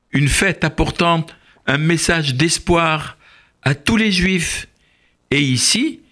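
A storyteller voicing a venerable older male rabbi who speaks slowly and solemnly to comfort his fellow prisoners in a storybook tale. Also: mid-range voice, a bit bright. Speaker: rabbi in a camp. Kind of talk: storybook read-aloud.

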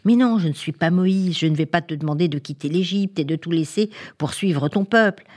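A woman voicing a gentle, kind male gorilla who speaks softly and reassuringly in a storybook tale. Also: on the low side, a little fast, natural voice. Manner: soft, reassuring.

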